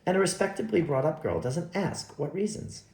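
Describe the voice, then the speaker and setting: A man's voice: a little high, expressive, moderate pace, darkish tone, reverberant, pitched above the performer's own voice. A man voicing a dignified, opinionated older woman who works as a cook-housekeeper and rambles placidly. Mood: gossiping.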